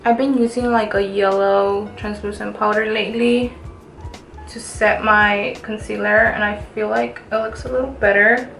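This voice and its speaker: A beauty vlogger in her early twenties talks casually through a makeup tutorial, chatting and thinking aloud. Her medium-pitched voice is gravelly yet fairly bright, with little pitch movement and a moderate pace. Roomy echo and background music fill the recording.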